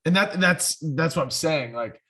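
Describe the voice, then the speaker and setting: A man's voice: on the high side, expressive, moderate pace, pushed and bright, breathy edge. A man co-hosting a podcast in casual chat, mostly chiming in with short agreements. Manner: brief agreeing interjections. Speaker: podcast co-host.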